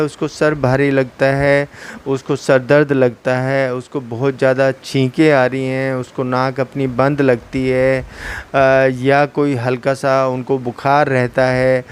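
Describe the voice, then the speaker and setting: A middle-aged man, an ENT surgeon, calmly explains a medical condition to an interviewer, pausing often on "uh". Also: medium pitch, smooth. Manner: calm, explanatory, with frequent "uh" fillers. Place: hospital clinic room.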